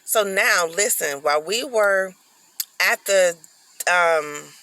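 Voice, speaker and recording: A woman's voice: lowish voice, slow pace, sharp tone, rough recording. A woman telling a personal story in a casual, rambling way, full of likes and ums.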